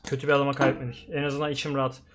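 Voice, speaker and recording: A young man streaming a football video game, commenting live, swinging from grumbling to excited shouting. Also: medium pitch, rapid-fire. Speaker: gaming streamer.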